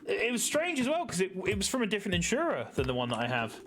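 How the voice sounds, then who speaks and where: A man's voice: sits high, wildly swooping pitch, racing, over a noisy crowd. A man chatting casually while playing a co-op game, with dry sarcastic jokes. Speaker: gaming video host. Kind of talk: casual co-op gameplay chat. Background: game music.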